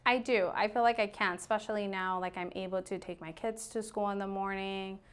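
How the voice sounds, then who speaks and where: Speaking a little fast in a clean, medium-pitched voice, a woman keeps her intonation fairly even. She's a thirtysomething real estate agent from Arizona, USA, who chats freely and laughs often as a guest in a relaxed podcast interview.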